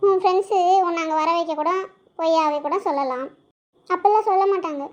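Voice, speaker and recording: A young woman voicing a girl's calm, lecturing inner conscience in an amateur audio drama. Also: extremely high pitch, fairly quick. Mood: coaxing. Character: gentle, wise female inner conscience. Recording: dull, lo-fi recording.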